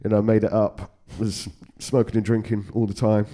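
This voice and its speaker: A man's voice: lowish voice, level tone, moderate pace, dark tone. A man in his forties, a guitar tech telling road stories in casual chat, swearing freely and laughing often. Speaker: podcast guest, guitar tech.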